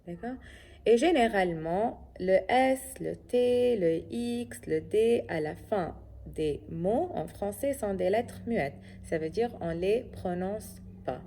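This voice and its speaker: A woman teaching French pronunciation in a slow, careful way, often checking with her listeners. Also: mid-range voice, warm tone, slight background noise. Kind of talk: phonics lesson.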